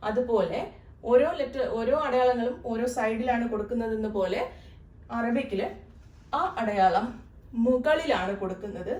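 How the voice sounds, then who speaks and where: A woman's voice: a little high, moderate pace, darkish tone. A woman teaching a beginners' Arabic lesson, patiently explaining and repeating each sound. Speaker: Arabic tutor. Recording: echoey room, voice from a distance.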